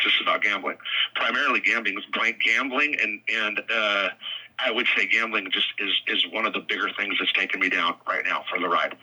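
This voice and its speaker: A man speaking candidly over a prison phone line, halting and often repeating his words. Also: lowish voice, pushed and bright, slightly rough. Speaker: interview guest calling from jail. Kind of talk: candid confessional conversation.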